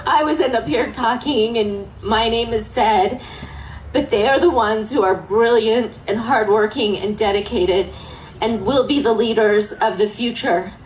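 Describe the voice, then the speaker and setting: A woman gives an informal ceremonial speech as an event speaker introducing others. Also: fairly high pitch. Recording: echoey, faint ambient noise.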